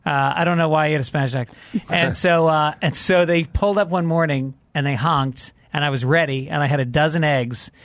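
A man's voice: on the high side, steady tone, a little fast, a bit bright, dry recording. A man, a comedian and co-host, telling an anecdote in casual chat. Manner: anecdotal storytelling.

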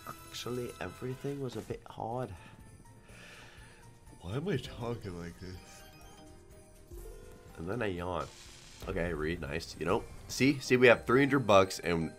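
A man giving profane live commentary on casino slot spins, muttering low to himself, then shouting when a win lands. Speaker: slot streamer.

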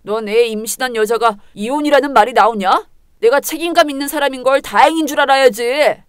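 A woman voicing a selfish, dismissive young husband in a dramatized story reading, using a lowered, blunt voice. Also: a little fast, clean tone, no room sound, clean studio sound, lightly acted. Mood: contemptuous. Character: selfish, mama's-boy young husband, contemptuous.

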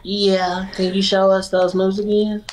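A woman of twenty from Louisiana, joking around on a livestream with a playful, bawdy manner and sudden shouted outbursts, recorded on a phone in a small bedroom. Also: mid-range voice, flat delivery, measured pace, a little hiss or hum, poor audio. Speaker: livestream host. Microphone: phone camera at arm's length.

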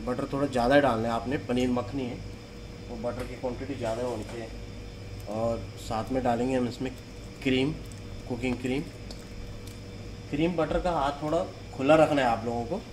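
A man's voice: mid-range voice, background noise. A man, a chef, explaining a recipe step by step in a kitchen cooking demonstration.

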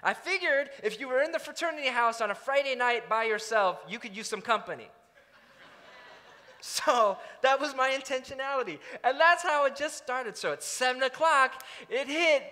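A man giving a storytelling sermon, animated and self-mocking, acting out his own quotes with energy. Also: very high voice, normal speed, in a large hall.

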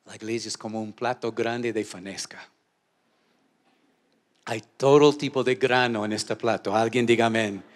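A male pastor preaching a sermon in a church auditorium, leading call-and-response and swinging from shouted lines to low asides. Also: steady tone, a little slow, pauses often.

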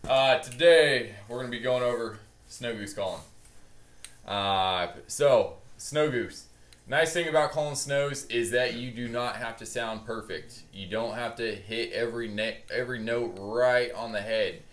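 A young man with a medium-pitched, slightly bright voice gives an unhurried, casual how-to talk as a hunting-call instructor, sounding laid-back and reassuring. He's in a garage with a boat and hunting gear, recorded by a camera a few meters away. The garage is echoey, with noticeable background noise.

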